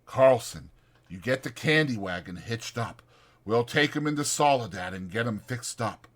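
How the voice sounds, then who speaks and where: A man voicing a calm, authoritative ranch hand, folksy and firm, in an audiobook. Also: medium pitch, normal speed, lightly acted. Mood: grave, decisive. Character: calm, authoritative ranch hand, fair-minded and plain-spoken.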